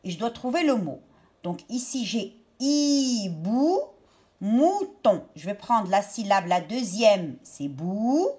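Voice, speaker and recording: A woman teacher talking young pupils through a worksheet step by step, stretching out each word slowly. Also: medium pitch, animated, dark tone. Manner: slow, step-by-step, drawn-out words for young pupils. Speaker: primary school teacher. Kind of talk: remote lesson explaining a worksheet.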